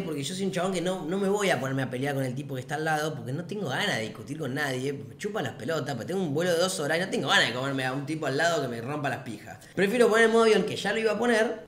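A man's voice: a little high, expressive, rapid-fire, few pauses, fairly bright tone. A young man with a Rioplatense Spanish accent, telling a casual anecdote in a laid-back, slangy and profane way. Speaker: vlogger. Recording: echoey room.

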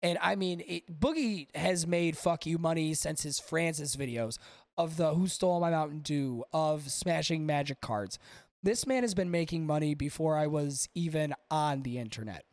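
A man's voice: on the high side, normal speed, no echo. A male podcast host giving casual, profane, exasperated reaction commentary.

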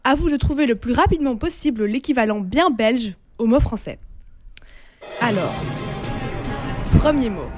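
High-voiced Belgian woman hosting a radio quiz. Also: animated, normal speed, long pauses, darkish tone. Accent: Belgian French. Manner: teasing, bubbly quizmaster. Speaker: radio columnist. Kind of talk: playful mock lesson on a radio morning show. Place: radio studio. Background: faint music.

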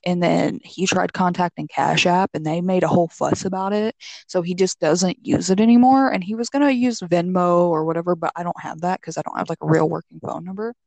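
A woman's voice: lowish voice, steady tone, moderate pace, gravelly, darkish tone, no room sound. A young woman from Texas telling anecdotes in casual chat, slangy and blunt, acting out what people said. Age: young adult. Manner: slangy, blunt, swears freely, quotes people animatedly.

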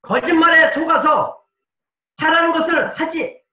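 A male pastor preaching a dramatic sermon, moving between soft pleading and forceful shouting. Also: very high voice, steady tone, a little slow, highs cut off. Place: church sanctuary. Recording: echoey room, mic at a distance.

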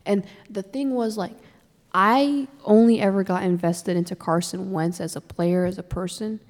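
A woman's voice: medium pitch, steady tone, moderate pace, a little mellow. A young woman chatting as a sports fan co-host, rambling and emotional, with lots of "like" fillers. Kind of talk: casual chat. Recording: long reverb in the room.

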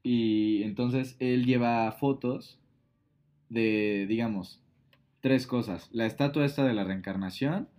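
A man's voice: medium pitch, slow pace, a little mellow. A man, casually retelling a film plot on a podcast, full of fillers and quoted lines. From Mexico. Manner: storytelling with many fillers. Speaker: podcast co-host.

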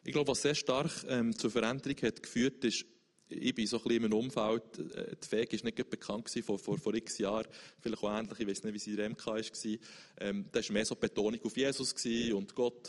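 A man's voice: lowish voice, big-room sound. A man, speaking earnestly about his faith as an interview guest, searching for words with frequent restarts.

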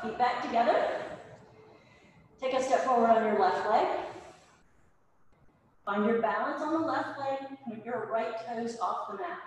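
A woman instructing a yoga class, calling out directive cues in short, clipped commands. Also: sits high. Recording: very echoey hall, distant mic, background noise.

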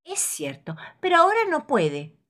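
A woman's voice: on the low side, wildly swooping pitch, moderate pace, a bit bright, full character voice. A woman voicing an earnest male cricket teacher in a storybook, encouraging and explaining like a teacher. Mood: teacherly.

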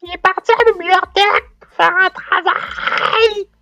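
A man with a Québécois accent voicing a gentle, polite mother in a high falsetto. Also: fairly even intonation, a little slow, vocal fry, dry recording, faint music behind, heavily acted. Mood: pleasant. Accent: Québécois French.

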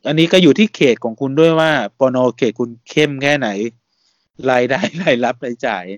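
A man hosting a casual podcast, talking in a relaxed, chatty way and laughing often. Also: medium pitch, a little fast, no room sound, studio quality. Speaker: podcast host.

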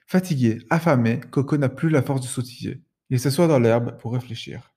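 A man's voice: mid-range voice, moderate pace, breathy edge. Man reading a children's story. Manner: lively, sing-song.

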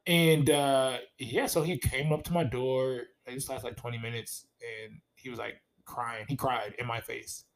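A man's voice: mid-range voice, fairly even intonation, normal speed, hardly any pauses. A young man telling a story in a casual, profane way, laughing often as he talks.

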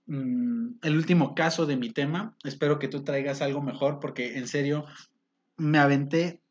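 A man's voice: a little high, moderate pace, dull audio. Teasing Mexican man hosting a podcast. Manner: teasing, mock-formal. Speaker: podcast host reading live chat. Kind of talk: casual podcast banter.

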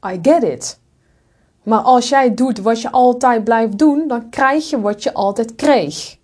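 A woman's voice: fairly high pitch, slow pace, a little mellow. Blunt, frank woman coaching. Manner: frank, blunt, uses swear words and English asides. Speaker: podcast host and coach. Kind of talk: direct motivational monologue.

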